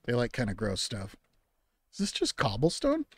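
A man's voice: medium pitch, huge pitch swings, normal speed, fairly bright tone, breathy edge, no room sound. A man hosting his own gaming channel, chatting easily and rambling to himself as he plays. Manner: easygoing, rambling, talks to himself about the game; mock-outraged scolding at game animals. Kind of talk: relaxed let's-play commentary.

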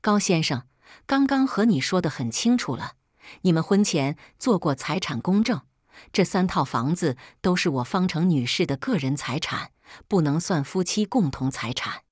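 A woman's voice: lowish voice, expressive, moderate pace, darkish tone, breathy edge, no room sound, clean studio sound. A woman voicing a weary divorce lawyer who explains things formally and patiently.

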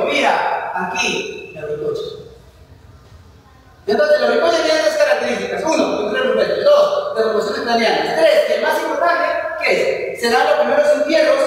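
A man lectures a history class in a notably high voice, quizzing his listeners and answering each question himself. He repeats key points over and over. The sound is distant and boomy, with a long hall echo and faint room noise. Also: expressive, moderate pace. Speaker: history teacher. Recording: echoey hall, voice from far off.

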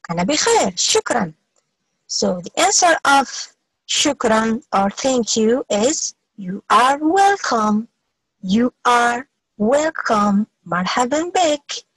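A high-pitched woman with a lively, rising and falling voice teaches a beginners' English lesson. Her tone is slightly husky, and the recording sounds dry and close. She says each phrase slowly, repeats it, then translates it. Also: no room sound, poor audio. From Algeria. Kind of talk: bilingual English lesson, slow model phrases.

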